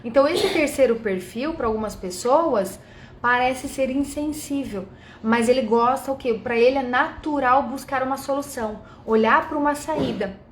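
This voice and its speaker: A woman's voice: high-pitched, moderate pace, reverberant, slight background noise. A woman from Brazil teaching a mentoring group live, chatty, addressing viewers directly and reading their comments aloud.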